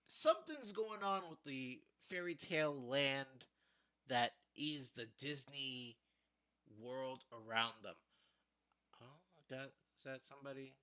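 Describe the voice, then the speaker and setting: A tired man hosting a casual reaction livestream, speaking haltingly and often repeating words. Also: mid-range voice, pushed and bright. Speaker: livestream host. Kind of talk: casual trailer reaction stream.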